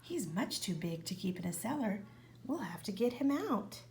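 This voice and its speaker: A woman's voice: mid-range voice, big pitch swings, normal speed, vocal fry, darkish tone, a little hiss or hum. A woman voicing a male policeman in a read-aloud storybook, speaking in a dry, matter-of-fact, half-whispered way. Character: gruff middle-aged male policeman.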